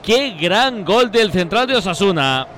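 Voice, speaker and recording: High-voiced man co-commentating on football. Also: very animated, a little slow, fairly bright tone, a little hiss or hum. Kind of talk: live football discussion and updates.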